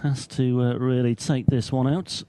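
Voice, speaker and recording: A male lead commentator describes live darts in a measured way. His voice is medium in pitch and notably dark and relaxed in tone. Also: no room sound.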